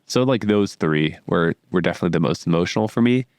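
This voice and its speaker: A young man with a very deep voice chats about a movie in a slangy, blunt way, pausing on fillers as he thinks. He sounds close and dry on the mic. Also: lively intonation, darkish tone, clean tone, no echo. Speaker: podcast co-host. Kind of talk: casual movie review chat.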